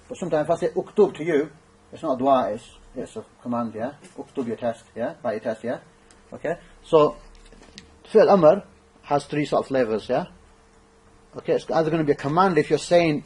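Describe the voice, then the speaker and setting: Husky guy teaching grammar, keeps asking yeah? to check the class gets it. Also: fairly high pitch, poor audio. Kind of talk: classroom lesson.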